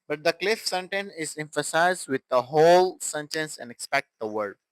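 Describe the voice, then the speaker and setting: A young man teaching an English grammar lesson, explaining slowly and deliberately and repeating example sentences. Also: fairly high pitch, animated, clean tone, no echo, poor audio.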